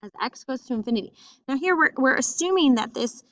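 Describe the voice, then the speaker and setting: A woman teaching a math lesson in a school, talking in a lively, emphatic way and repeating phrases for stress. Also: high-pitched, fast, lo-fi sound, slight background noise. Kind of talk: classroom lesson walking through graphs. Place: school classroom or building with loudspeaker.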